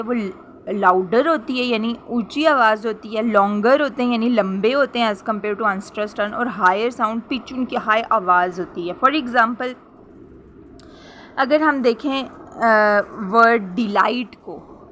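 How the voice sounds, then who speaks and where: A young woman gives an explanatory lesson in Hindi-Urdu mixed with English terms, explaining patiently, repeating points and making sure listeners understand. Her voice is fairly high and fairly bright, with slight background noise.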